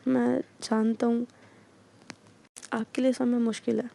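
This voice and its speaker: A calm male doctor gives gentle, measured advice, as a woman reading an audio story puts him on. The voice is mellow with a gravelly edge. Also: on the high side. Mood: reassuring.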